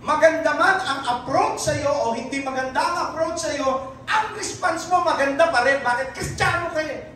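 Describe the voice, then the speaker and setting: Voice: sits high, normal speed, a bit bright, a little hiss or hum. A preacher with a Filipino accent giving a sermon, often turning to the congregation for an amen. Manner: keeps asking the congregation for an amen. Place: church hall. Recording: very echoey room, speaker far from mic.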